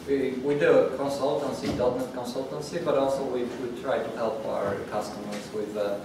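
Addressing a room of developers at a user group, a young Polish man gives a technical talk, halting often and filling the gaps with fillers and restarts. His voice is at an ordinary male pitch. A distant mic caught it in a very echoey meeting room with steady background noise.

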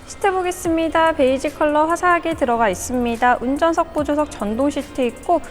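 A woman with a high-sitting voice speaks fairly quickly as a dealership presenter, narrating a scripted walkaround of a used car with polite, orderly inspection patter. Music plays in the background.

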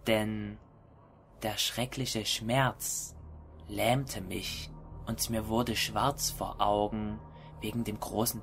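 Man acting a hushed, creeping, deranged horror narrator. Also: fairly low pitch, pitched below the performer's own voice. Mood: disgusted, haunted. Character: deranged, self-mutilating narrator of a horror tale. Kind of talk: scripted first-person horror narration.

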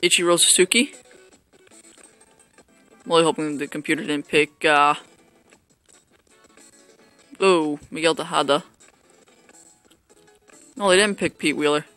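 Bright, dry-voiced man rambling over gameplay. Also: on the high side, steady tone, a little slow, long pauses, dry recording, soft background music. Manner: rambling, self-mocking, hesitant with fillers. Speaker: gameplay commentator. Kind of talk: casual gameplay commentary.

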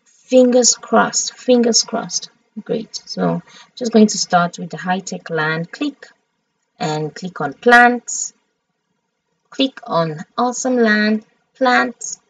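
A woman's voice: mid-range voice, lively intonation, slow pace, creaky, dry recording, far from the mic, rough recording. A Nigerian woman streaming a farming game, chatty and dramatic as she talks through each step.

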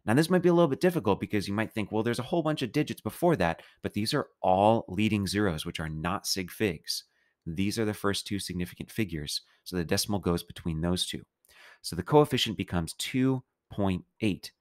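A man's voice: lowish voice, lively intonation, fairly quick. A man teaching a recorded chemistry math lecture, explaining steps in a casual, playful way. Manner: casual, playful explaining with a loose, chatty delivery. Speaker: chemistry instructor.

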